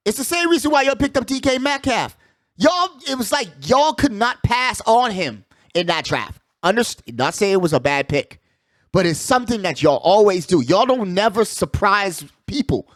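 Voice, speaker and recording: A man hosts a casual sports talk show, giving emphatic opinions with repeated phrases and slangy asides. His voice is high and a bit bright, with lively intonation and a moderate pace, and the recording has no echo.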